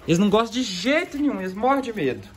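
A man's voice: high voice, very animated, fast. A man with a Brazilian accent vlogging casually with his dogs, chatting to viewers and cooing affectionately at his pets. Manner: chatty, laughs often while talking to viewers. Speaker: pet vlogger.

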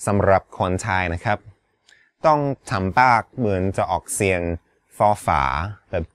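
A male teacher explaining grammar and pronunciation in a careful, polite way, his pitch on the low side but moving a lot. He talks very slowly, and the voice is dry and close with no room sound. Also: expressive, a bit bright, clean tone, dry recording. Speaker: English teacher. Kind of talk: explaining an English lesson.

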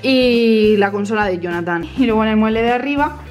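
A woman's voice: fairly high pitch, a little fast, darkish tone, soft background music. Chatty young woman touring her home. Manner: chatty, addresses viewers directly. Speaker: vlogger giving a house tour. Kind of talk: casual house tour narration. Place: small apartment living room, indoors. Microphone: handheld camera.

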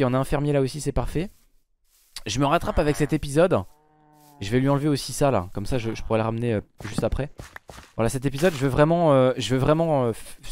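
A man recording let's play commentary, talking to his viewers and to game characters, swinging from low muttering to sudden loud outbursts. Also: a little hiss or hum. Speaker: gaming YouTuber.

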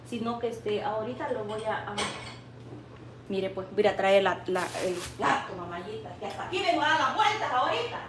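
A woman with a Salvadoran Spanish accent chats casually with her viewers while cooking at home, animated and affectionate. Her voice sits a little high and off-mic, in a roomy kitchen with a faint hum behind her. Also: distant mic. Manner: chatty and animated, teasing, addressing viewers with pet names. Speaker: cooking vlogger. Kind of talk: casual live cooking chat.

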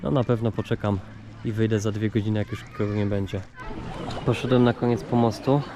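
A man's voice: fairly low pitch, fairly even intonation, brisk, background noise. A man vlogging in a casual, chatty way, thinking aloud as he shows what he finds. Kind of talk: casual vlog narration.

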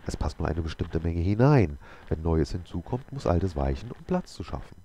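A man's voice: low-pitched, very animated, normal speed, dark tone, slight background noise. A man voicing a scrawny, testy male holy man in a read-aloud story, in a raised, peevish voice.

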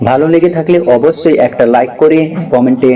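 A man giving earnest devotional instruction and slowly chanting a mantra. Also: fairly high pitch, dark tone, recorded from a distance, soft background music, low-quality recording. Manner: earnest, urging, slow rhythmic chanting. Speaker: devotional presenter.

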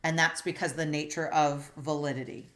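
A woman teaches logic in an online philosophy lecture, asking her students questions while frequently pausing on fillers and starting over. She speaks at normal speed in a low voice with fairly even intonation.

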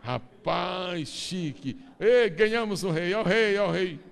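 A man's voice: high-pitched, lively intonation, measured pace, gravelly. A male pastor preaching a sermon, animatedly acting out the story for his congregation. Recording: long reverb of a large church.

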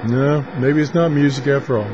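A man's voice: medium pitch, steady tone, a little fast. A man from the United States talking casually and unhurriedly in short phrases to himself as a radio hobbyist host demonstrating his gear. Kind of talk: casual off-the-cuff demonstration commentary. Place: small indoor radio desk. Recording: dull camera audio with clear static noise. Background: shortwave radio static.

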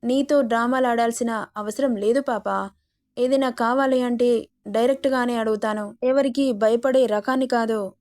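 A woman's voice: fairly high pitch, steady tone, moderate pace, darkish tone, close to an everyday voice. A woman voicing an arrogant, domineering rich young man who owns a college, teasing and bossy in a story reading.

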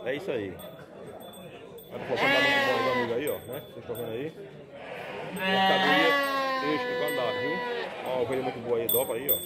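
A man's voice: mid-range voice, sing-song, brisk, long pauses. A man walking an outdoor goat market with his phone, chatting with sellers about prices and relaying them to viewers. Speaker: vlogger touring a livestock market. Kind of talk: casual on-the-spot market walkthrough. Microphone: phone camera held by the speaker. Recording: noisy outdoor market with crowd. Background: crowd chatter and bleating animals.

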